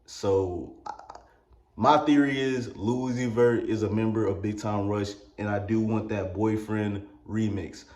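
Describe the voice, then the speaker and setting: Rambling Mississippi man with a low voice. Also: steady tone, unhurried, darkish tone, roomy sound. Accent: Mississippi Southern US. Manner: rambling, crude joking asides. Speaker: music reviewer. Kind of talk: comedic album review vlog.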